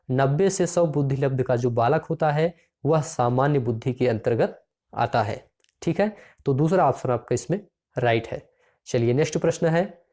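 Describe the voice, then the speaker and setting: Male exam-prep tutor, warm mellow tone, reads each question and its options, then drills the answer. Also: fairly high pitch. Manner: addresses listeners as friends.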